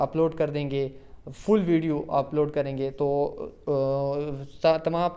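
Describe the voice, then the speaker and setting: Male exam-prep lecturer, slightly higher voice, reads questions slowly, dull lo-fi recording. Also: warm tone. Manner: slow, deliberate reading of English options, quicker Hindi-Urdu explanations; addresses listeners as "student" often. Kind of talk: reading out and explaining exam questions.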